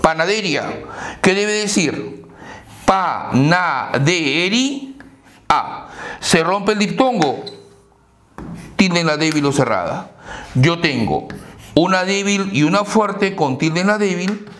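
A man's voice: sits high, expressive, a little slow, long pauses, fairly bright tone, slight background noise. A man teaching a language lesson for entrance exams, drilling examples and answering his own questions. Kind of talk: exam-prep lecture. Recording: echoey room.

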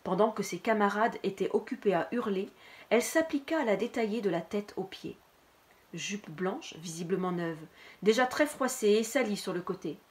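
A woman reading a novel aloud in a calm, steady narrating voice. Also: medium pitch, normal speed. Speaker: reader.

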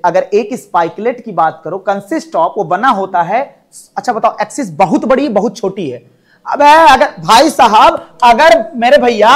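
A man teaching a biology class, lecturing in a coaxing way and asking students questions over and over. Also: very high voice.

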